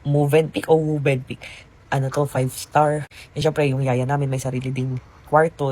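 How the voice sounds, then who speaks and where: A woman's voice: very deep voice, dark tone, husky. A young woman vlogging from a hotel room, telling a rambling, chatty story with lots of fillers. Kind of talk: casual storytelling vlog.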